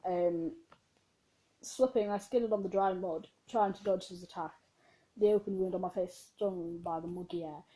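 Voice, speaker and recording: A woman with a warm, mellow voice reads a homemade story out loud. She keeps it casual, giggles often, and adds self-mocking asides. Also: fairly low pitch, steady tone, moderate pace, low-quality recording. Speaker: reader of her own story.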